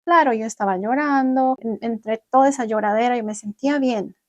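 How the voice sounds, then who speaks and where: A young adult woman vlogging, telling viewers about her own experience in an animated way and acting out what she once said. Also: fairly high pitch, a little fast, no room sound, dull audio. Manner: animated, acts out her own past words. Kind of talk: personal storytelling to viewers.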